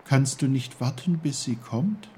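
A man's voice: unhurried, mellow, slight background noise, lightly acted. A man voicing a curious young boy who asks earnest, puzzled questions in a raised voice. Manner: eager, questioning, raised pitch.

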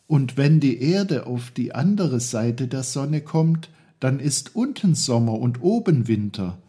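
Eager young boy, high and husky, excitable storybook kid, read by a man. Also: takes it slowly, heavily acted. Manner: excited, questioning.

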